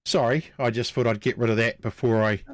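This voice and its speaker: A man's voice: medium pitch, fairly even intonation, fairly quick, no room sound, studio quality. A man with a New Zealand accent hosting a live stream in a casual, blunt, informal way. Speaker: host.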